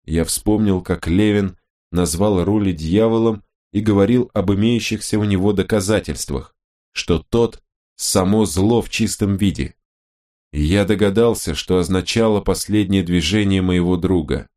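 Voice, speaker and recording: A man reading a novel aloud in the first person, in a very low, deep register. His delivery is measured and even. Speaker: audiobook narrator. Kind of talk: first-person scripted narration.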